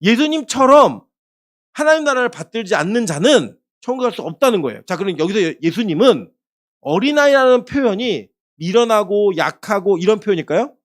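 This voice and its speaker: A male pastor delivers a sermon in a conversational, animated way. His voice sits high and moves a lot, rising and falling as he poses rhetorical questions to his listeners. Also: brisk.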